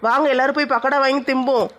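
A woman's voice: sits high, little pitch movement, very fast, fairly bright tone. A woman in a comedy skit playing a naive, food-obsessed joker.

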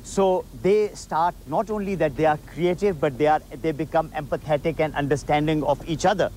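A middle-aged man interviewed live outdoors, earnest and filling pauses with "you know". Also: on the high side, steady tone, warm tone, poor audio. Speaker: festival founder, interview guest. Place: outdoors on a park lawn. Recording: faint outdoor background noise.

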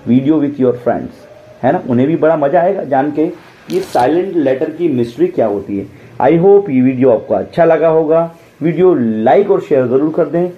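A man's voice: fairly high pitch, narrow, tinny audio. A man with an Indian accent teaching an English pronunciation lesson, spelling out words and asking questions that he answers himself. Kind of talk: classroom-style lesson on pronunciation.

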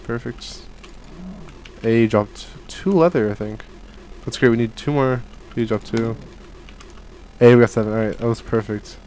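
In an unhurried, medium-pitched voice with a darkish tone, a young gaming channel host who's catching a cold rambles through casual Minecraft let's play commentary. He's in his home gaming room, filling his talk with fillers and restarts. The low-quality recording comes from a headset and studio mic at his desk.

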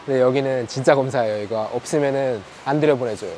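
A young man narrates a casual vlog in a matter-of-fact, playful way, speaking very quickly. Clear background noise surrounds him. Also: mid-range voice, a little mellow. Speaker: vlogger.

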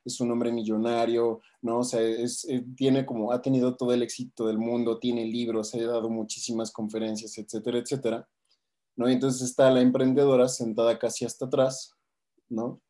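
A man's voice: medium pitch, dark tone. A man with a Mexican accent, a coach casually retelling a book, rambling and tagging his sentences with questions. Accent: Mexican Spanish. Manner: rambling, tags lines with "¿no?".

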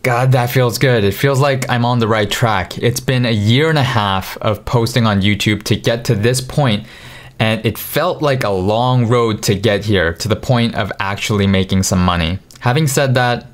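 This fairly low-voiced man speaks at a normal pace, a vlogger in his thirties offering an honest, self-deprecating monologue. He's conversational, recorded on a studio boom mic set in front of him in a dim bedroom at night.

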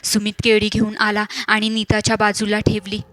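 A woman narrating a scripted horror story in a steady, measured reading voice. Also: medium pitch, no echo, soft background music.

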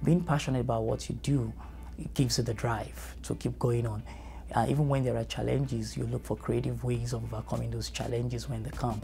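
Gravelly Nigerian man, earnest. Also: medium pitch, level tone, mellow, soft background music. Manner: measured, earnest, thoughtful with fillers. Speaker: family educator. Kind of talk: interview answers. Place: studio with dark backdrop.

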